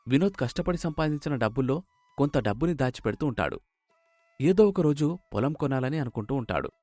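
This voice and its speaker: A man giving scripted narration for an animated family story in a steady, plain storytelling manner. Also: mid-range voice, a little fast, dry recording, faint music behind.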